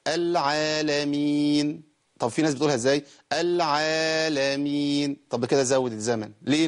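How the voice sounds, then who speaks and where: A man with an Egyptian Arabic accent teaching Quran recitation on a program. He poses rhetorical questions, then answers them himself, and slowly stretches out words to show how they should be recited. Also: on the high side. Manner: slowly draws out words to model correct recitation. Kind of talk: televised Quran recitation lesson.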